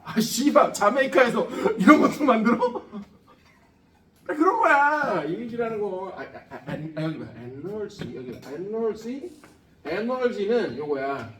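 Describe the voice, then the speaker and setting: A man's voice: sits high, very animated, measured pace, fairly bright tone, slight background noise. A man lecturing a science class, blunt and profane, joking and firing questions at his students. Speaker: science lecturer at a cram school. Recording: echoey room, mic at a distance.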